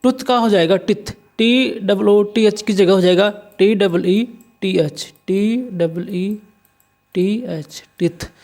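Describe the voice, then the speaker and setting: With a slow pace and a mid-range, darkish voice, an Indian teacher walks through an exam paper lesson, spelling out words letter by letter and answering their own questions.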